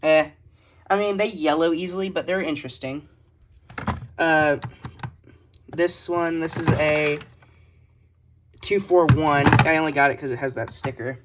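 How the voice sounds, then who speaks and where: In a room whose shelves hold electronics, a hobbyist collector gives a casual show-and-tell of radios, moving through the items one by one in a halting, list-like way. A handheld phone behind the camera records the mid-range voice along with some background noise.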